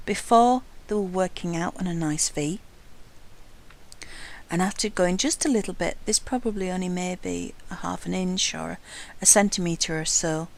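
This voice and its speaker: A woman teaches a wire-weaving craft while she works, her voice a little low and gravelly. She talks in a calm, careful way, often dropping to near-whispers as she concentrates. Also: normal speed, rough recording. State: has hiccups. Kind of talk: hands-on craft tutorial narration.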